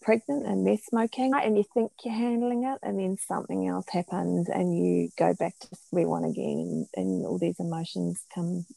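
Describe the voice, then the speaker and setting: A woman's voice: on the low side, normal speed, vocal fry, hardly any pauses, rough recording. A middle-aged woman with a New Zealand accent, telling her story as a podcast guest and acting out the quoted voices. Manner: animated storyteller who acts out quoted speech. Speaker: guest, mother. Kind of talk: personal storytelling in a podcast interview.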